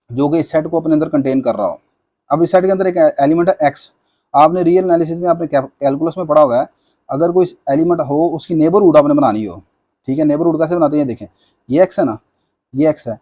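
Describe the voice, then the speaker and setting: A man gives a patient maths lecture, stepping through each proof. His voice sits fairly high but sounds warm and mellow. He checks in with his students often and drops English terms into his explanations. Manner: patient, repeats "theek hai na" to check understanding; mixes English maths terms into Hindi-Urdu speech.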